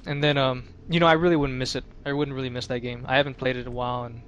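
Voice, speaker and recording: A man casually chatting while playing a video game, relaxed, with lots of fillers and swearing. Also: mid-range voice, very fast, a little hiss or hum. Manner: laid-back, swears a lot, many fillers. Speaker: let's play commentator. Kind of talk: casual gaming chat.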